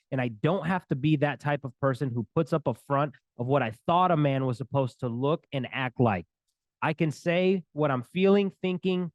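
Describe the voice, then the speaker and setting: A man's voice: a little high, a little mellow, no room sound. A man working as a divorce recovery coach, talking to camera with earnest, faith-filled encouragement. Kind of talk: energetic talk to camera.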